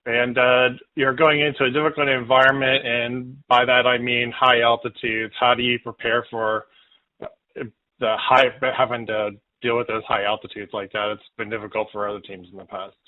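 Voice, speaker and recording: A man's voice: medium pitch, flat delivery, moderate pace. A man, a reporter, asking a coach questions on a media call, hesitant with many fillers. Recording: phone line.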